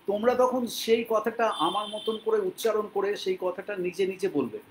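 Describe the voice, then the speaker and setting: A man from Bengal teaching English to learners, speaking patiently and repeating words slowly so they can copy them. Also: high voice, a little hiss or hum, poor audio. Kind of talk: spoken English lesson in Bengali.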